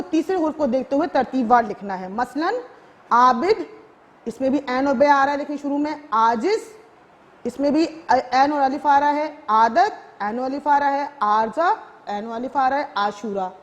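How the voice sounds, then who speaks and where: A woman teacher with a Pakistani Urdu accent, explaining a recorded school lesson slowly and reading words out one by one. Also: high voice.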